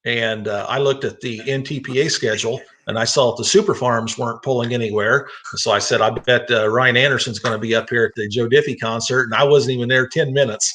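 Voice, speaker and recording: A man's voice: medium pitch, steady tone, a little fast, few pauses, a bit bright. An American man, a tractor pull announcer, hosting a casual talk show in conversation. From East Central Illinois, United States.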